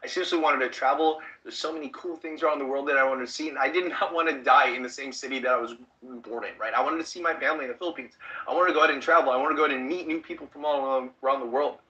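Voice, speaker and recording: A man from the Chicago suburbs giving an online sales webinar pitch, pushy and constantly asking the audience if they are following. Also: very fast, sharp tone, dull audio. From United States, Chicago suburbs. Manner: pushy, repeats rhetorical check-in questions. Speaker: online business trainer.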